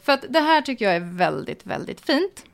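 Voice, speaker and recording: A woman hosting a casual chat, lively and teasing, laughing often. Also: sits high, vocal fry. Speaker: host.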